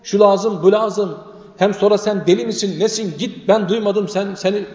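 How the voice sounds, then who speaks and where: Brusque older judge, stern and dismissive, a male preacher putting him on, raised pitch, long reverb. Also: steady tone, normal speed, a little mellow, lightly acted. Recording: echoey reverberant lo-fi room sound.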